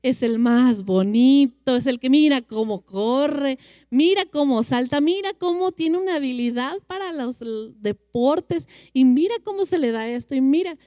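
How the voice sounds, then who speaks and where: A woman with a Mexican Spanish accent giving an earnest church talk to parents, quoting the Bible and slowing down for emphasis. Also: high voice, animated, dark tone, no echo, studio quality. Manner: earnest, slows down for emphasis and acts out children's replies. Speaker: church parenting class teacher. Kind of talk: teaching talk with Bible quotes.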